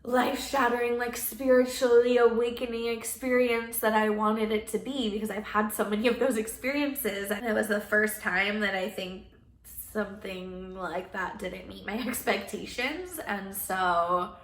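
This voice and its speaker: A woman's voice: mid-range voice, fairly even intonation, normal speed. A young adult woman talking frankly in a video diary, laughing now and then as she vents. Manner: chatty, frank, laughs while venting. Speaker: vlogger. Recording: roomy echo, faint background noise.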